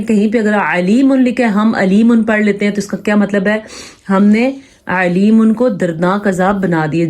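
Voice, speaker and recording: A woman with a Pakistani Urdu accent teaching tajweed, explaining rules patiently and reciting verses slowly to demonstrate. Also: medium pitch, a little mellow. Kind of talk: step-by-step tajweed lesson with slow recitation examples.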